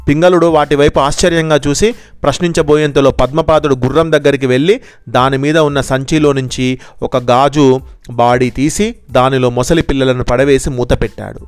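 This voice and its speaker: A man narrating a children's story in a steady, measured way, in a smooth, clear voice. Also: mid-range voice, dry recording, studio quality, faint music behind.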